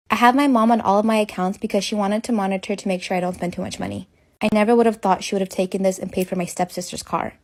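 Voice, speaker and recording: A young woman narrating a personal story in a steady, read-aloud delivery. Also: medium pitch.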